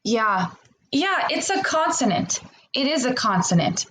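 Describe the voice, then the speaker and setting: A woman teaching a remote phonics lesson to young children, enunciating deliberately, sounding out word parts separately and prompting with encouraging questions. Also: sits high, sing-song, fairly bright tone, slight background noise.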